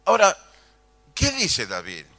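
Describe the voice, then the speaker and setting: Lively, bright-voiced older male preacher. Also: high-pitched, measured pace. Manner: emphatic preaching with rhetorical questions to the congregation; repeats key phrases for emphasis. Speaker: pastor. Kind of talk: sermon.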